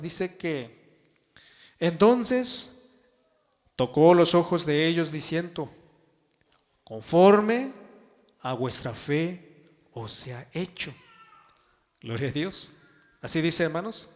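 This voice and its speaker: A man preaching a sermon and reading scripture, drawing his phrases out with emphasis and sudden soft drops. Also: high-pitched. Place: church hall. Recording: long church-hall reverb.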